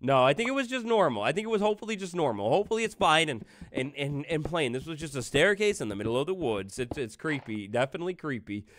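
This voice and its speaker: A man's voice: on the high side, very animated, quick pace, few pauses, fairly bright tone, no echo. A man live-streaming a game, nervous and jittery, talking to his chat with many fillers and restarts.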